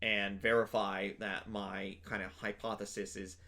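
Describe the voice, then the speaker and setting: A young convention panelist, appearing as an interview guest, chats casually and rambles with frequent fillers and restarts. His fairly low voice has little pitch movement and a measured pace, and it sounds bright and forceful.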